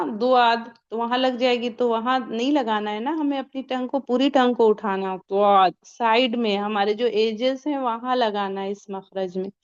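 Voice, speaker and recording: A woman's voice: a little high, lo-fi sound. A woman teaching a Quran pronunciation lesson step by step, asking and answering her own questions and stretching out sample sounds.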